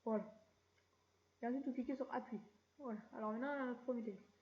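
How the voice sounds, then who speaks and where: A woman hosting a casual screen-recorded software tutorial, chatty and relaxed, with mild slang. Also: fairly high pitch, fast talker, lo-fi sound, a little hiss or hum. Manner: chatty, relaxed, keeps saying "voilà" and drops mild slang. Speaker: tutorial channel host.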